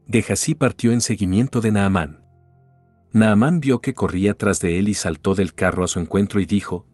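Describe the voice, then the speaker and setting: A man reading a Bible passage aloud in a steady, measured narration style, with the quoted lines barely acted. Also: fairly low pitch, no room sound. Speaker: Bible reader.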